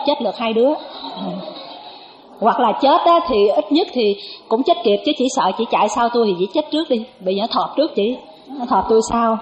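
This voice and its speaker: A woman, a Buddhist nun, giving a dharma talk to an audience. She tells a personal story with lively, animated delivery and acts out the dialogue. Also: fairly high pitch, a little hiss or hum. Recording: echoey, dull lo-fi recording.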